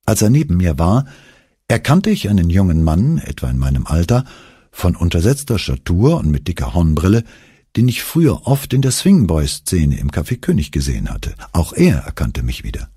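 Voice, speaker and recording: Deep, husky male audiobook narrator. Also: huge pitch swings, normal speed, warm tone, no room sound, studio quality. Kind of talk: scripted memoir narration.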